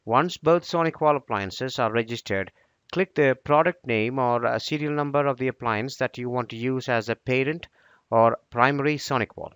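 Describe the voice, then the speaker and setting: A man delivers scripted tutorial narration in a steady, instructional manner. His voice sits at an ordinary middle pitch. The recording is close and dry, with no room sound. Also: normal speed, clear, resonant tone, no echo.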